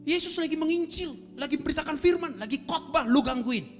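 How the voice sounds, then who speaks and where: A man's voice: expressive, fairly quick, faint music behind. A man preacher voicing an irritated bystander in a crowd who scolds and shushes a beggar. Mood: scolding. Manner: scolding, shushing, sharp and high.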